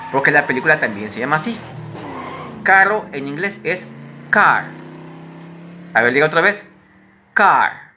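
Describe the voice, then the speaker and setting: A woman's voice: very deep voice, bright, forceful tone, a little hiss or hum. A woman teacher giving a recorded lesson to young children, chatty and patient, asking questions and having them repeat words after her.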